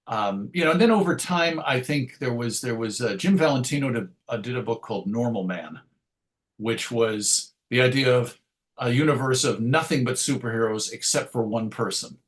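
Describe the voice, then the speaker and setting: This is a middle-aged man, a writer who also hosts a radio show, appearing as an interview guest. His pitch is medium and his pace moderate as he reminisces casually, hesitating, rambling, and repeatedly interrupting himself to restart.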